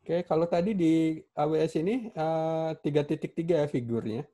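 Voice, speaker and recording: A man with an Indonesian accent teaching a welding class online, speaking casually and haltingly with many fillers and restarts. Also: on the high side, warm tone. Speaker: welding instructor. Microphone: computer mic on a video call.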